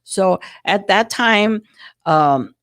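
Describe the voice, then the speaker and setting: A woman's voice: medium pitch, lively intonation, drawn-out words, fairly bright tone, no room sound, studio quality. Chatty woman in her sixties. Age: 60s. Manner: chatty, rambling with restarts and laughs. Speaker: co-host, insurance agent. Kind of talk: casual chat.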